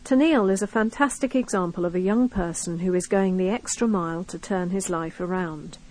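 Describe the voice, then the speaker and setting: A woman's voice: lowish voice, a little fast, darkish tone, poor audio. British woman reading local news articles. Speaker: reader of a recorded local magazine. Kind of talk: scripted read-aloud narration of news articles.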